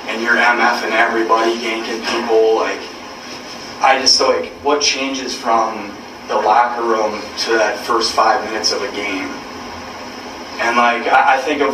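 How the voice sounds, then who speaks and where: Secretly taped from a distance, a young man with a mid-range voice addresses his college basketball team at a meeting. He's earnest and blunt, cursing, halting and repeating himself. The hidden recorder sat far off in an indoor room, leaving the audio echoey, noisy and muffled.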